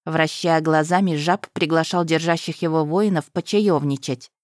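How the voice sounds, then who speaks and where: Audiobook reader, woman, low register, dry studio read. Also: fairly even intonation, normal speed, darkish tone, no room sound. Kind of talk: first-person fantasy audiobook narration.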